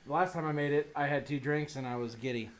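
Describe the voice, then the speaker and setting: A man playing a tabletop game, telling funny stories in an animated, joking way. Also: fairly high pitch, fast talker. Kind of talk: casual tabletop game chat. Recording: echoey room.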